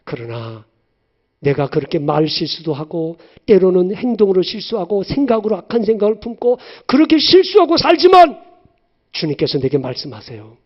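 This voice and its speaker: Fervent pastor with a wide-swinging voice. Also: male voice, sits high, sing-song, moderate pace, lo-fi sound. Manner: swings between loud fervent preaching and soft hushed comforting quotes. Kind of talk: sermon.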